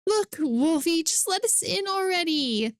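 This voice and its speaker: Woman putting on a high, brash, indignant youngster. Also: expressive, a little slow. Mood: impatient. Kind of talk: acted video game dialogue read-aloud.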